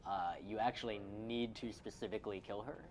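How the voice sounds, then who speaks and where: A man's voice: lowish voice, steady tone, brisk, a little hiss or hum. A man giving casual commentary on a game run, chatty and explaining with plenty of fillers. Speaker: marathon commentator.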